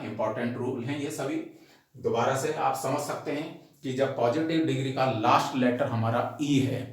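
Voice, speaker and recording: Male grammar tutor, slow and methodical, spells words out, very echoey room. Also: mid-range voice. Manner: slow and deliberate, spells words out letter by letter and repeats each rule; addresses the class directly as students. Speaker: English grammar teacher. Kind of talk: recorded grammar lesson.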